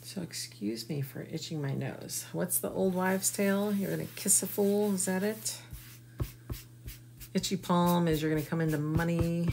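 A woman's voice: on the low side, normal speed, gravelly, darkish tone. A woman giving a chatty, folksy live craft tutorial and talking to her viewers as she works. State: hiccuping. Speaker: craft demonstrator.

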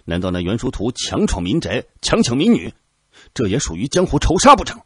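A man voicing a stubborn young officer who shouts back defiantly at his superior. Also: medium pitch, big pitch swings, a little fast, breathy edge, no echo, clean studio sound, pitched above the performer's own voice.

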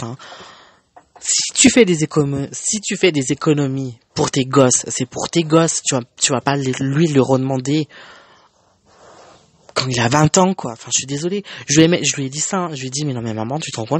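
A young man recounts a painful personal story in a casual, emotional monologue, often stumbling and restarting his sentences. His voice sits in an average middle pitch. The sound is dry and close, with no room echo. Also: normal speed, breathy edge. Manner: emotional, conversational, many fillers and restarts. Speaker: vlogger.

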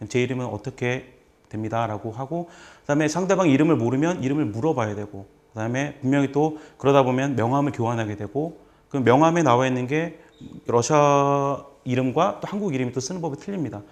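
A man's voice: mid-range voice, brisk, a little mellow. Chatty male lecturer teaching a class. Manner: chatty, joking, repeats phrases for students to follow. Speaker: lecturer teaching basic Russian. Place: seminar room with a live audience.

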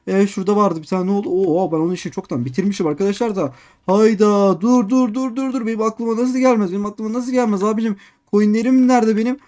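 A man giving excited let's-play commentary on a game, repeating phrases in quick bursts and constantly addressing his viewers. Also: high voice. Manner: excitable, keeps calling viewers "abicim" and "arkadaşlar". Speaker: gaming YouTuber.

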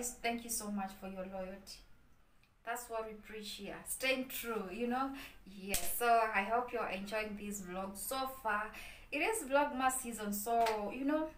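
A young Kenyan woman with a Kenyan accent talks to her camera in a casual, playful vlog, urging her viewers on. Her voice is bright and a touch high. She sits a little back from the mic in an echoey room. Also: distant mic. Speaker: vlogger. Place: small indoor room, office and home.

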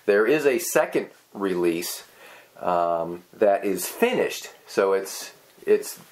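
A middle-aged man co-hosting a casual whiskey tasting chat, rambling and hesitant with many pauses and restarts. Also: sits low, expressive. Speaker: co-host.

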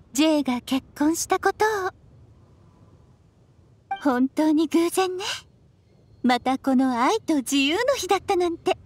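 A woman's voice: sits high, a little mellow, dry recording. A woman voicing a breezy, cheerful sorceress in an anime game, airy and theatrical.

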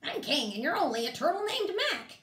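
A woman voicing a haughty, greedy male turtle king in a children's storybook, loud, boastful and commanding. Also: big pitch swings, a little slow, exaggerated voice. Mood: imperious. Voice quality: loud, booming. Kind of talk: animated children's storybook reading. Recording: echoey room.

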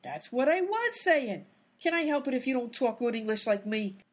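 In the style of old-time radio comedy, a woman plays a brash, hot-tempered female private eye who wisecracks in 1930s gangster slang and drops her grammar. She sounds tough and irritated, her fairly high voice sing-song at a moderate pace.

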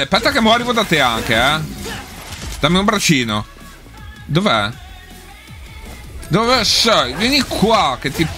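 Lively, bright-voiced Italian gamer man. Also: fairly high pitch. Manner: swearing, talking back to enemies. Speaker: gameplay streamer. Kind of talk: let's play commentary.

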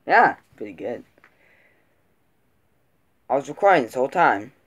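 A man's voice: medium pitch, sing-song, measured pace, a bit bright. A young man vlogging in a laid-back, joking way at home. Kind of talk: casual chat.

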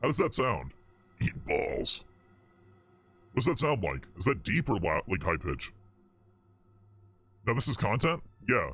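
A male game streamer talking through a deepening voice changer filter, goofing around and testing how it sounds. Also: sing-song, unhurried, long pauses, a bit bright, husky, full character voice. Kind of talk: casual gaming commentary.

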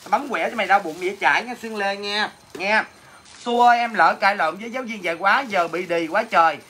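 A woman's voice: mid-range voice, brisk, pushed and bright, slight background noise. Brash Southern Vietnamese woman livestreaming. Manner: brash, teasing, crude joking with viewers. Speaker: livestream host selling goods. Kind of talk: casual livestream sales chat.

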